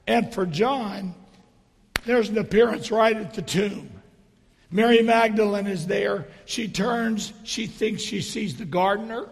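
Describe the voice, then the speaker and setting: A middle-aged or older man giving a sermon in a hoarse stage whisper, his voice almost gone, speaking deliberately with pauses between phrases. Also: high voice. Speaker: preacher. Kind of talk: sermon with storytelling and dry humour. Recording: reverberant hall.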